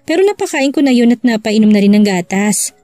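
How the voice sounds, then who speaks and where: A woman's voice: on the high side, lively intonation, a little fast, dark tone, dry recording, soft background music, natural voice. A woman voicing a kindly older aunt who babysits, chatty and reassuring, in a storybook reading.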